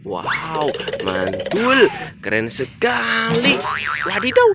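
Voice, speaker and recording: An excited presenter of children's toy videos, exclaiming and repeating catchphrases to young viewers like a party magician. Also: mid-range voice, extremely slow. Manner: exclamatory, repetitive, like a kids' party magician counting and chanting for children. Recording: music behind the voice.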